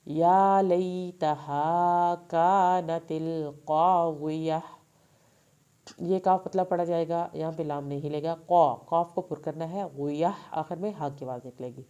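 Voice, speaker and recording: A woman teaching Quran recitation rules, reciting each phrase slowly and then explaining it quickly. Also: sits low, mellow, lo-fi sound. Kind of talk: tajweed recitation lesson.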